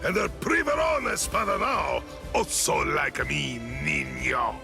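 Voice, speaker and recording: Flamboyant, gravelly, high-pitched villain. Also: male voice, lively intonation, takes it slowly, over music, exaggerated voice. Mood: proud explaining. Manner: pompous, theatrical, taunting. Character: flamboyant boastful theatrical middle-aged male warrior villain. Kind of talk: anime game dub acting.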